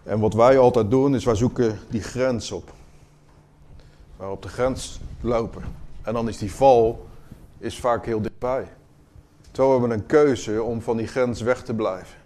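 A man preaching a sermon in an earnest, questioning way, moving between quiet moments and emphatic ones. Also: mid-range voice, unhurried.

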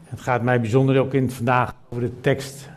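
A man's voice: mid-range voice, level tone, slight background noise. Emphatic preacher building his sermon. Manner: builds from soft, measured talk to loud, emphatic preaching; repeats phrases for emphasis. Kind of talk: sermon with Bible reading. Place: church service, also streamed to people at home.

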